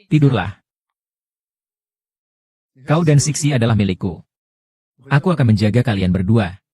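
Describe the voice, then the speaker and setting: An actor dubbing a cold, rich boss who is a devoted father, speaking softly and reassuringly. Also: lowish voice, expressive, normal speed, husky, dry recording, studio quality. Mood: protective. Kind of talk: dubbed drama acting.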